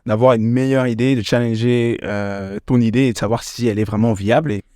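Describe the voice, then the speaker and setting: Male podcast co-host, lively anecdotal delivery, dry mic. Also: mid-range voice, brisk, no room sound. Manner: animated storyteller, laughs often, mimics others. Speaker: podcast co-host, startup founder. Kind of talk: casual chat.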